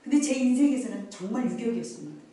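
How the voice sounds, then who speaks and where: A woman's voice: a little high, animated, quick pace, dark tone. A middle-aged woman pastor preaching a live Sunday sermon in an emphatic, folksy storytelling way, drawing responses from the congregation. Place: church sanctuary during worship. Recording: very echoey church hall, distant mic, faint noise.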